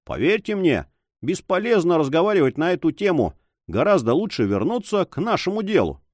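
A man's voice: fairly high pitch, big pitch swings, no echo, voice pushed up. A man doing a sly, taunting sailor. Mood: mocking. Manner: sly, taunting, slow and emphatic. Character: mocking, cool-headed sailor blackmailing an officer. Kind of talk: audiobook character voice.

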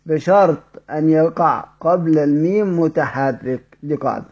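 A man with an Egyptian accent teaches the rules of recitation, explaining each one and then chanting verse examples slowly. His voice sits a little high and sounds mellow. The recording is dull and lo-fi. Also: slightly rough. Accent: Egyptian Arabic. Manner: asks questions of students, then answers them. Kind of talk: recorded tajweed lesson.

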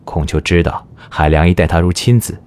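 A man's voice: low voice, a little fast, a little mellow, smooth. A man narrating a historical audio drama in a scripted, dramatic storytelling style. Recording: music behind the narration.

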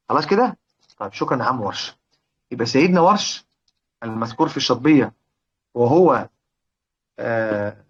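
Animated Egyptian man teaching recitation. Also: on the high side, dull audio. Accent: Egyptian Arabic. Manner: asks the listeners questions and answers them himself; drags out example words slowly. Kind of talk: explanatory lesson.

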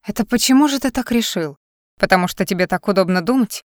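A drunk, tearful young woman singer with slurred, wavering words, put on by a woman reading a story. The voice sits at a middle pitch and is heard close and dry. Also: lively intonation, fast, darkish tone, no echo, lightly acted. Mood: tipsy, needling. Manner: slurred, wavering, swallowing letters.

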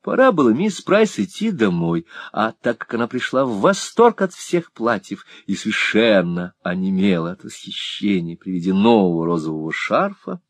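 A man's voice: on the low side, normal speed, few pauses, no room sound. A man narrating a classic novel as an audiobook, telling it expressively. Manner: expressive storytelling.

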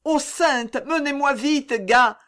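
A woman's voice: slow pace, bright, forceful tone, full character voice. A woman voicing a frantic peasant mother. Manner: high, cried-out pleading.

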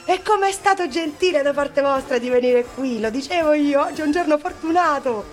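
A bold, carefree girl shouts with glee, her voice pitched high above the narration and drawn out slowly, as a woman puts her on. Music plays underneath. Her tone is lively and sweeping. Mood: gleeful shouting. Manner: shouting gleefully, slow and drawn out. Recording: music playing behind.

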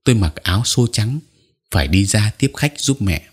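Low husky male story narrator. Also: lively intonation, normal speed. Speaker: audiobook narrator.

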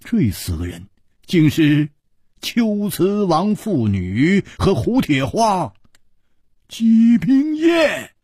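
A man narrating a martial-arts story with an animated, expressive delivery. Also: fairly high pitch, slow pace, breathy edge, no room sound, studio quality.

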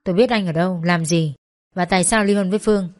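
A woman voicing a calm, protective man who firmly confronts an abuser. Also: fairly low pitch, quick pace, natural voice. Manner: calm, firm, controlled.

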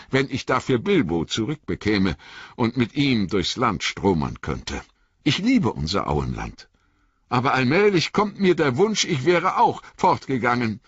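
A man's voice: mid-range voice, a bit bright, breathy edge, no room sound, voice pushed up. A man reading an audiobook, voicing a young, earnest male hobbit who is anxious and eager. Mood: wistful. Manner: eager, rising and pleading. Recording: dull lo-fi audiobook recording.

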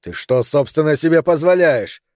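A man reading an audiobook, voicing an angry younger man who shouts at his mother. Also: fairly high pitch, moderate pace, no room sound, clean studio sound, natural voice. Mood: furious. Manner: shouting in anger. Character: angry younger man, hot-tempered stepfather.

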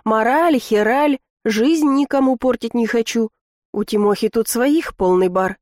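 A woman's voice: fairly high pitch, unhurried, a little mellow, no room sound, clean studio sound, natural voice. A woman reading an audiobook, voicing a brash adult man who is the heroine's long-lost brother, blunt and slangy. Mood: scheming.

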